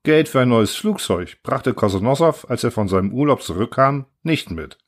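A male storyteller reading a short story aloud for a podcast. His voice sits at a middle height and moves in lively, animated contours. The telling is expressive and measured. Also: medium pitch.

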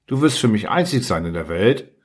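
A man voicing a patient, wistful male fox in an audiobook reading, earnest and coaxing, slightly husky. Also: lowish voice, very animated, brisk. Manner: earnest, coaxing, explaining tenderly.

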